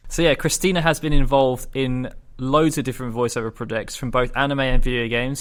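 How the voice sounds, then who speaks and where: A man hosting a podcast, chatting with a guest and reading out listener questions. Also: medium pitch. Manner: friendly, reads listener questions. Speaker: podcast host. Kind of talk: casual podcast interview.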